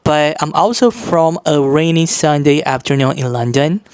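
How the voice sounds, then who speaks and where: A man from Brazil giving an earnest, reflective vlog monologue, slowing down on key phrases. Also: a little high, darkish tone, clean tone, dry recording. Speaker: vlogger.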